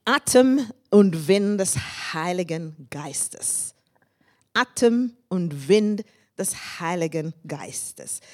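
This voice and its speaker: A woman in her fifties from England, with an English accent on her second language, preaching as a guest and sharing personal testimony with laughs and shouts of praise. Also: lowish voice, animated, drawn-out words. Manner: warm and thankful, with frequent laughs and praise shouts.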